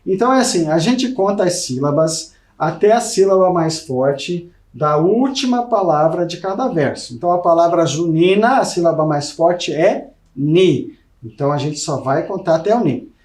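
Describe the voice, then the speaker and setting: A man's voice: on the high side, animated, normal speed, a little mellow, roomy sound. A Brazilian man teaching a recorded video lesson, explaining to students and often checking in with them. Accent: Brazilian Portuguese. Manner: explanatory, addresses students directly with frequent "né?".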